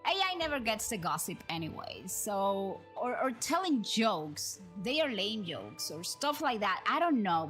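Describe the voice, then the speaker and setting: A woman with a slightly high, bright voice hosts a game livestream, chatting casually with music in the background. She talks straight to her viewers and keeps checking in with tag questions.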